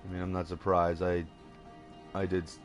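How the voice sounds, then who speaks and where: A man's voice: low-pitched, monotone, normal speed, soft background music. A tired man rambling through casual gameplay commentary, chuckling at himself and hesitating often. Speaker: let's play gamer.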